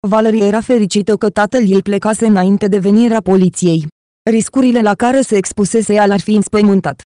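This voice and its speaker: An audiobook narrator reading a novel in a steady, even manner. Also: mid-range voice, no room sound, studio quality. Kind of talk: scripted narration.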